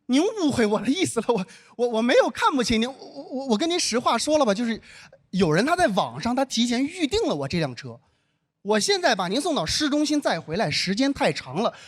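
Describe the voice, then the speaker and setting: A man's voice: extremely high pitch, very animated, fairly quick, exaggerated voice. A man playing an apologetic male taxi driver who stammers and stays over-polite.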